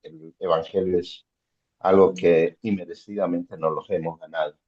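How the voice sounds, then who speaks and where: A man, a student in a Bible class, answering the pastor haltingly with many fillers. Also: sits low, fairly even intonation, slightly rough, highs cut off.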